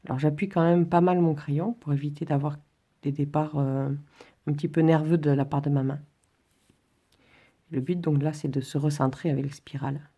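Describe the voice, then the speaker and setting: A woman's voice: deep voice, flat delivery, moderate pace, dark tone, slightly rough. A woman instructor giving an informal drawing and relaxation tutorial, demonstrating as she talks in a hesitant, stop-and-start way. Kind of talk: informal spoken tutorial, demonstrating while talking.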